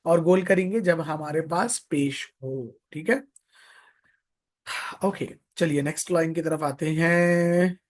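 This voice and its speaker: A man's voice: fairly high pitch, slow. A man teaching Quran recitation in a live online class, repeating each word several times and stretching out the long vowels, with English teaching terms mixed into his speech. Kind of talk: slow drilled tajweed lesson.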